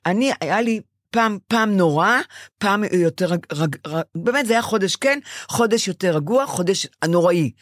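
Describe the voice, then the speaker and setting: An older woman talks in a bright, animated way, her pitch swinging widely as she acts out her own past words. Her voice is close and dry, with no room sound around it. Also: no room sound. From Israel. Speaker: podcast co-host. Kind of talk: casual chat.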